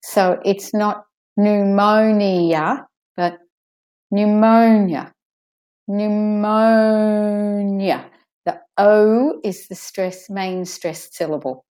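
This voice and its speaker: A woman teaching pronunciation in an audio lesson, saying each word slowly and twice and marking stressed syllables. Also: medium pitch, mellow.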